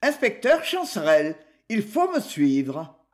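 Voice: medium pitch, huge pitch swings, takes it slowly. A reader voicing a brusque male police inspector who questions bluntly. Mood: probing. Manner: blunt, interrogating.

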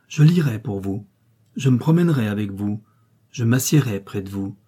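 A man's voice: on the low side, expressive, moderate pace, warm tone, slightly rough. A man reading a spirited young woman. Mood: devoted.

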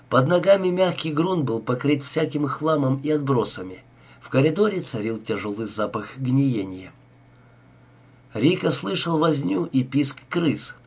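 A man reading a crime story aloud as narrator in a steady, even manner. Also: mid-range voice, husky. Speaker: audiobook narrator. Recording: dull lo-fi recording.

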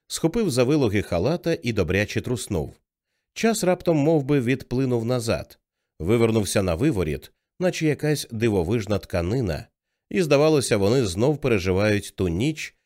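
A man narrating a novel as an audiobook in an expressive storytelling manner. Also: mid-range voice. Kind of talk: scripted narration.

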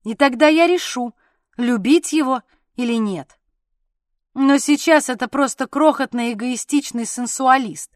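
A woman voicing a jealous, petulant young husband who complains loudly in an audiobook. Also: high voice, measured pace, no echo, studio quality. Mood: grumbling. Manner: loud, sulky and exasperated.

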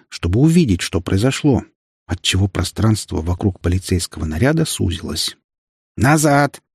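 A man narrating a dramatic audiobook in an expressive storytelling manner. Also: mid-range voice, vocal fry, breathy edge, dry recording, clean studio sound.

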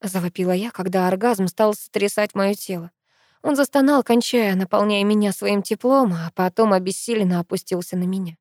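A woman reading a first-person romance audiobook with intimate, expressive narration. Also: mid-range voice, a little fast, dry recording, studio quality.

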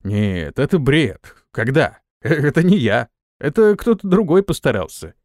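A man's voice: medium pitch, big pitch swings, unhurried, dry recording, clean studio sound. Man doing a hot-tempered young trainee. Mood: indignant. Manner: indignant, shouting outbursts.

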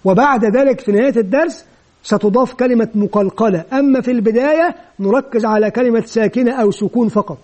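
A man's voice: very high voice, quick pace, darkish tone. A man giving an instructional lecture for teachers, explaining step by step and asking and answering his own questions. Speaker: teacher trainer.

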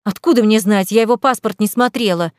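A woman's voice: mid-range voice, a little fast, darkish tone, no echo, clean studio sound, natural voice. A woman voicing Nika, a sulky, spoiled young woman who talks in a snappy, irritable way. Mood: irritated.

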